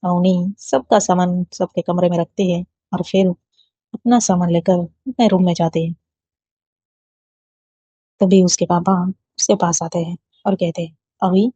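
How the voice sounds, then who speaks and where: A woman narrating a romance story in a plain, steady reading voice. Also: fairly low pitch, measured pace, pauses often, husky, dry recording. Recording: dull lo-fi dry recording.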